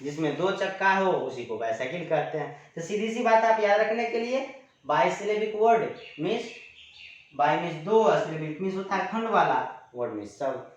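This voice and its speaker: A man's voice: high-pitched, lively intonation, normal speed. A man teaching grammar in a classroom-style lecture, explaining patiently, repeating each definition and drawing out example words in his terms. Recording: echoey room, dull lo-fi sound.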